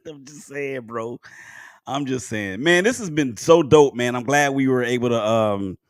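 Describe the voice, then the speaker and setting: A middle-pitched man in his fifties talks animatedly on a sports podcast and laughs often. His voice reaches the mic from a video call. The sound is dry and close, with no room around it. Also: expressive, a little slow, dry recording. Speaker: podcast co-host. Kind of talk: casual sports podcast chat.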